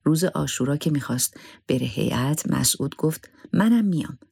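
Gravelly, husky male storyteller. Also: mid-range voice, fairly even intonation, no echo, studio quality. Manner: measured, solemn, sometimes dropping to a hushed whisper. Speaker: narrator. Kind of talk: scripted storytelling narration.

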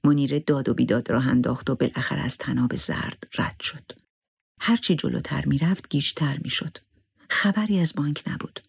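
A man narrating a scripted story in a measured, solemn way, sometimes dropping to a hushed whisper. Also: medium pitch, gravelly, slightly rough, no echo, studio quality.

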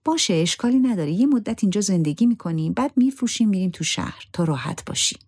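Storyteller playing a tired but stubborn young husband, a bit raised, raspy, husky. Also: medium pitch, expressive, darkish tone, voice pushed up. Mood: resolute. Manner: tired but cheerful, resolute. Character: brave weary young husband, bank cash courier.

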